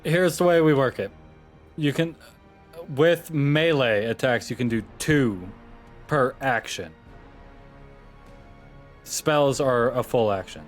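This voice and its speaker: A man's voice: mid-range voice, slow, long pauses, faint music behind. A man running a tabletop game as game master, apologetic and laughing, often stumbling over his words.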